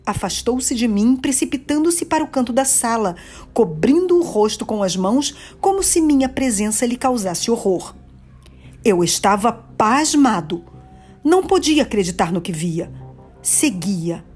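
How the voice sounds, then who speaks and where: A woman reads a romantic tale aloud as narrator, slow and expressive. Her voice sits fairly high with a lively melody, soft music faint behind. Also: breathy edge. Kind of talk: dramatic reading of a romance novel.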